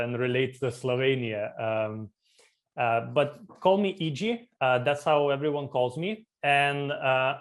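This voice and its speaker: Man from Lithuania, co-founder presenting on a remote video call, halting delivery full of fillers. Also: mid-range voice. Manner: halting, many fillers and restarts. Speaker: startup community co-founder presenting. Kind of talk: conference talk over video.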